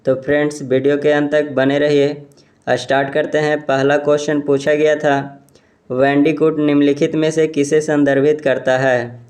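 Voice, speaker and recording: A man reading exam questions aloud and explaining each answer in a steady, repetitive way. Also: fairly high pitch, moderate pace. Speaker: exam quiz presenter.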